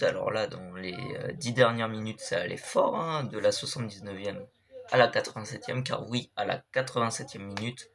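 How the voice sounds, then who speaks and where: A man's voice: fairly low pitch, sharp tone. A young man hosting an esports club show, giving a casual, hesitant recap of football matches with many fillers and apologies.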